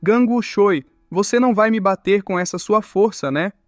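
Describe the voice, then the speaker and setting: A man's voice: high voice, normal speed, no room sound, soft background music, close to an everyday voice. A man voicing a teasing strong young woman. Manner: teasing, mock-sweet.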